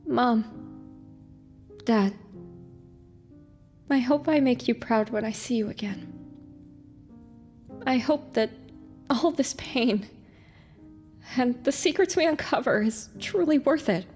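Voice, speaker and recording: A woman's voice: on the high side, slow pace, pauses often, darkish tone, soft background music. A woman reading an audiobook, voicing a young heroine mare whose inner thoughts ramble and mock herself. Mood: tender. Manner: rambling, self-mocking inner monologue. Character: young heroine mare, wandering wasteland survivor. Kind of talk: audiobook character voice.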